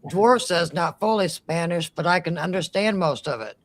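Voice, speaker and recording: A woman co-hosting a casual live stream, reading out chat messages and tossing in quick exclamations and jokes. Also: lowish voice. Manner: chatty, quick to exclaim, jokey asides.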